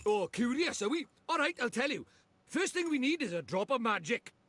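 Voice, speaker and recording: A man's voice: very high voice, big pitch swings, fairly quick, a bit bright, exaggerated voice. An actor playing a cheeky little male fairy lord with a Welsh accent, chatty and teasing in a video game.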